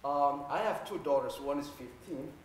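On an auditorium stage, a Somali-speaking community worker and radio host in middle age shares personal stories during a panel talk through a lapel mic. His slightly high voice moves at normal speed, and the poor audio carries a bit of hiss or hum. Earnest in manner, he repeats words while working his phrases up.

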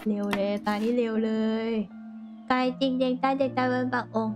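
Woman, high-pitched voice, rambling gameplay chat, game music behind. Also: steady tone, a little fast. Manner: chatty, rambling, talks to viewers. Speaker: streamer playing a game. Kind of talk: casual gameplay commentary.

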